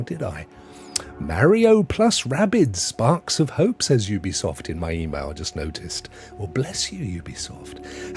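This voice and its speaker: A British man hosting a relaxed gaming livestream from a home setup. He talks in a jokey, rambling way and often restarts his sentences, and his pitch swings widely up and down. Soft music plays faintly behind him. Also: vocal fry. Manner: chatty, jokey, rambling with self-corrections. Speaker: host. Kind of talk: casual chat on a gaming livestream.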